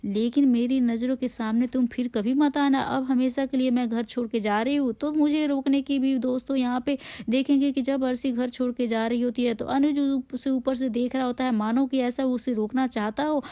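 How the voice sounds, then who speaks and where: A woman's voice: high-pitched, fairly even intonation, moderate pace, few pauses, warm tone, dry recording. A woman casually recapping a TV serial for her viewers in a chatty way, calling them friends and often restarting her sentences.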